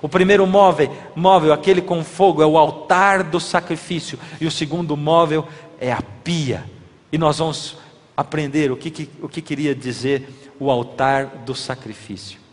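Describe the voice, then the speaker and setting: A man's voice: fairly high pitch, fairly even intonation, normal speed. A man preaching a sermon, asking the audience many questions and acting out little dialogues. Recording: reverberant hall.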